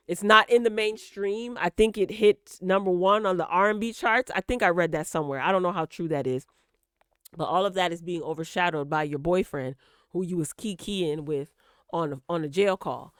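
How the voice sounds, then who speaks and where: Talking directly to her listeners, a woman hosts gossip commentary that's casual and opinionated, hammering points home by repeating words. Her lowish voice has a fairly bright tone, captured in studio quality with no room sound.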